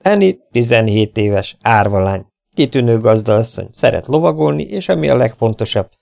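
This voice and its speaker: A man's voice: mid-range voice, expressive, creaky, a little mellow, voice pushed up. A man voicing a good-humored, teasing male rancher in an audiobook.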